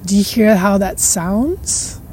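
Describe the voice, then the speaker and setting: A woman's voice: mid-range voice, animated, a little hiss or hum. A woman hosting a podcast, musing at length in a reflective spiritual monologue. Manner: slow, musing, with soft laughs and trailing repetitions. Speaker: podcast host.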